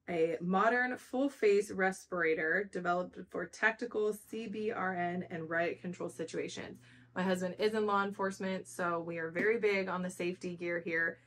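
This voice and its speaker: A woman's voice: on the low side, fairly bright tone, a little hiss or hum. A woman hosting a casual product review, talking informally and conversationally as she explains things to viewers.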